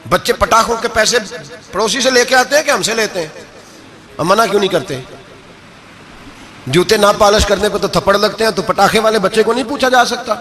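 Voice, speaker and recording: A man preaching a sermon, animated and firing rhetorical questions at his audience. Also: high-pitched, long pauses.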